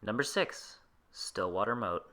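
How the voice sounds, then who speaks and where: A man putting on a deep countdown announcer voice to introduce each list entry. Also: lively intonation, a little slow, pushed and bright. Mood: announcing.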